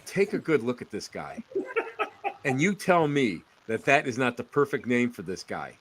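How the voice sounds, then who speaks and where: Lively older man in casual chat. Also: medium pitch, moderate pace, husky. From Western New York. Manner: animated, laughing, teasing.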